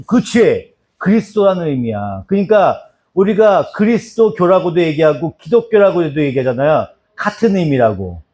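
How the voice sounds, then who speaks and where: Male pastor, small-church doctrine class, quizzes by name, animated pitch, dark mellow tone. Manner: repetitive, drills answers and calls on people by name. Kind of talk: church Bible lesson, quizzing listeners.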